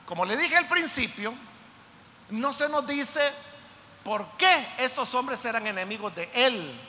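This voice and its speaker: A man's voice: very high voice, lively intonation, unhurried, bright, forceful tone, big-room sound, a little hiss or hum. A man preaching a sermon, explaining scripture to his congregation and checking in with rhetorical questions. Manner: explains with repeated rhetorical "¿verdad?" and addresses listeners as brothers. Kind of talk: sermon teaching on a psalm.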